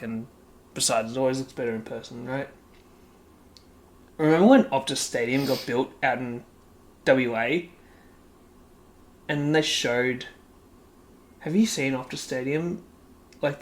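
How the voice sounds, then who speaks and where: Rambling Australian man, casual sports chat. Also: medium pitch. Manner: rambling, laughs often, heavy use of "like". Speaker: podcast co-host.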